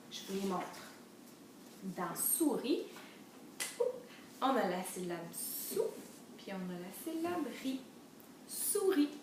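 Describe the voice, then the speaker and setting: A woman reading a picture book aloud to toddlers, with a sing-song storytelling manner and slow, letter-by-letter teaching of syllables. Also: mid-range voice, a little mellow, slight background noise. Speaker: children's librarian reader. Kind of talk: enriched read-aloud for toddlers with phonics teaching. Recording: echoey room, mic at a distance.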